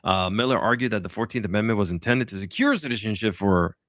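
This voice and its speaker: A man's voice: lowish voice, animated, fast, fairly bright tone, dry recording, clean studio sound. A man hosting a political talk podcast, speaking casually and sarcastically, with lots of fillers and restarts. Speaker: podcast host.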